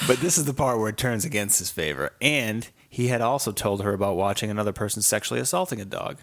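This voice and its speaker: A man co-hosting a casual podcast, reading out a news story and dropping crude, deadpan jokes. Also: on the low side, brisk. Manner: crude, joking, deadpan asides. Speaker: podcast co-host.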